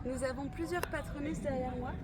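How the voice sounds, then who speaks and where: A woman's voice: sits high, steady tone, fairly quick. A woman giving an enthusiastic guided tour in a travel vlog, pointing things out to her viewers. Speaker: vlogger. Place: outdoors then indoors at a studio attraction. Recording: loud music behind.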